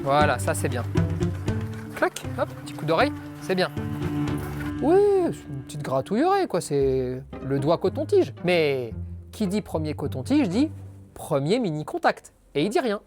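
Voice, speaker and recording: A man's voice: fairly high pitch, wildly swooping pitch, a little slow, music in the background. Man coaxing a dog, sing-song praise. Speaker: dog trainer. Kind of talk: coaching a dog and explaining. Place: outdoor dog training ground.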